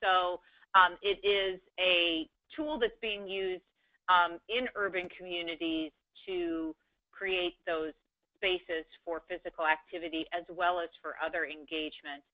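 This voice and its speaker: A woman's voice: on the low side, fairly even intonation, unhurried, dry recording. A woman hosting a webinar Q&A, chatty and conversational, with frequent ums. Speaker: webinar moderator. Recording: dull, muffled web call audio.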